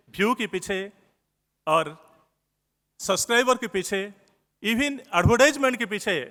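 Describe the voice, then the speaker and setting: A man's voice: high voice, sharp tone. A man with an Odia accent, a news editor giving an earnest conference speech and repeating key phrases for emphasis. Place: large conference hall. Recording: long hall reverb.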